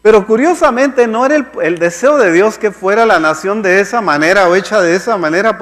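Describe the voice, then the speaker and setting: A man with a fairly high voice delivers a sermon in a loose, conversational way. He repeats words as he searches for them and keeps checking in with his listeners. His voice rings out with the long reverb of a church hall. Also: a bit bright. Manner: conversational, many restarts and "¿sí?" checks, acts out quoted complaints. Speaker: pastor.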